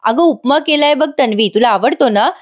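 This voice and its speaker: A woman's voice: sits high, moderate pace, lightly acted. A woman voicing a kind-hearted middle-aged mother who forgives her daughter. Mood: kindly.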